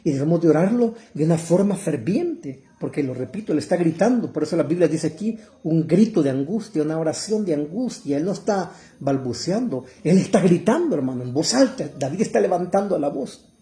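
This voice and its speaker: A middle-aged man preaches with fervor, often calling out to his brothers and sisters. His voice sits a little high yet sounds very dark and mellow. Now and then he swells into loud, pleading cries. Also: lively intonation, brisk. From El Salvador. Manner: fervent, addresses listeners as brother, rises to loud cries when quoting. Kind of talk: sermon.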